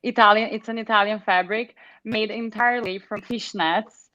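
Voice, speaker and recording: An international model with a Brazilian accent speaks as a panelist in a casual video call discussion, chatty and enthusiastic with many fillers. Her medium-pitched voice is steady, pushed and bright, at a moderate pace. The recording is dry and lo-fi.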